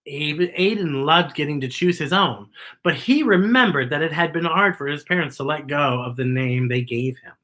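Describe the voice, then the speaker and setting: Reading a picture book to young listeners, a story-time host uses an expressive, exaggerated delivery at a moderate pace. The voice sits in the mid range, and the reading is broken up by chatty asides to the children.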